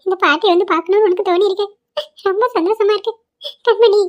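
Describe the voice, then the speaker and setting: Cartoon dub: fast, high-voiced fussy old grandmother, a woman acting her, sentimental and scolding. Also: fairly even intonation, muffled recording, lightly acted. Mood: overjoyed. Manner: lamenting, grumbling monologue.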